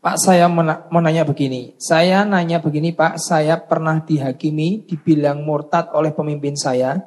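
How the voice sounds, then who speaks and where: A man's voice: on the high side, steady tone, normal speed, darkish tone. A man from the audience asking a question in a hesitant way, restarting his words.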